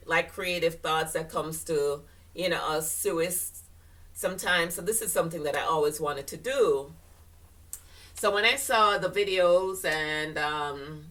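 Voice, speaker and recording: Speaking into a distant mic, an older woman with a Jamaican accent talks fashion to camera in a chatty, meandering way, laughing and using plenty of fillers. Her deep voice is a bit bright and slightly stuffy from sinus congestion.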